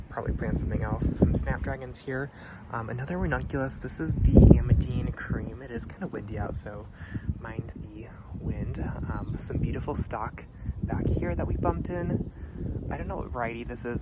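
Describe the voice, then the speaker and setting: A man giving a casual, enthusiastic tour of a client's garden, gushing over the plants with lots of ums. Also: medium pitch. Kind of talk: casual walkthrough vlog. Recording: loud wind and traffic noise outdoors.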